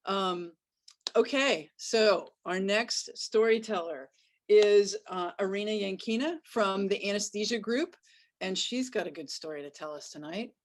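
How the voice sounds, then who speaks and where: Woman emcee, upbeat, introducing the next storyteller. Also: medium pitch. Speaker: event host.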